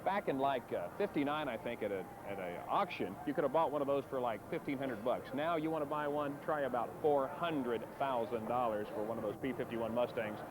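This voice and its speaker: A man co-anchoring live TV event coverage in a relaxed, conversational way with filler pauses, heard from a worn VHS tape copy. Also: medium pitch, noisy background. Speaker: TV news co-anchor.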